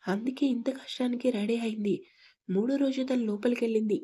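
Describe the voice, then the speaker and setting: Husky-voiced woman storyteller. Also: fairly high pitch, steady tone, fairly quick, mellow. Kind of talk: audio story narration.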